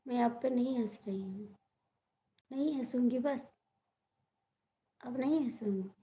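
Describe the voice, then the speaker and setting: A woman's voice: a little high, unhurried, warm tone. A young woman hosting a live stream, chatting casually and answering viewer comments.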